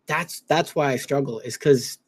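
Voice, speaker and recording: A man's voice: mid-range voice, moderate pace. A man in casual podcast talk, earnest and searching, often restarting his sentences. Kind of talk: casual discussion.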